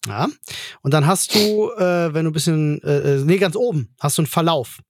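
A man's voice: a little high, normal speed, no echo. A man co-hosting a casual podcast chat in slangy, colloquial speech, often searching for words. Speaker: podcast co-host.

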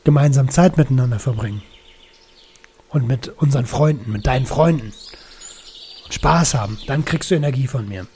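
A man's voice: mid-range voice, normal speed, pauses often, mellow, a little hiss or hum, lightly acted. A man voicing his own inner voice as a bossy, demanding male buddy who talks in slang. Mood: bargaining.

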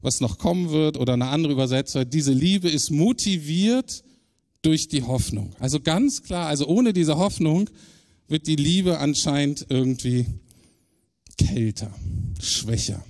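A man preaching a sermon in a conversational way, speeding up and slowing down for emphasis. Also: lively intonation, a little mellow. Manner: conversational preaching, shifting pace and pitch for emphasis. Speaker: pastor.

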